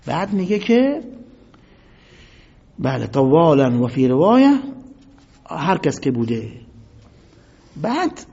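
Dramatic high-voiced male preacher in an echoing hall. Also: sing-song, slightly rough. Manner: reads classical Arabic quotes slowly, then explains in Persian; dramatic, rising to loud outbursts. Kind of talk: sermon. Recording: muffled lo-fi sound with long hall reverb.

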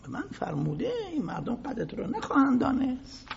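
A man preaching a sermon who explains slow chanted quotes in quick everyday speech, swinging dramatically between loud outbursts and hushed whispers. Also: extremely high pitch, big pitch swings, vocal fry. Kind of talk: sermon retelling religious history. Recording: echoey hall, dull lo-fi sound.

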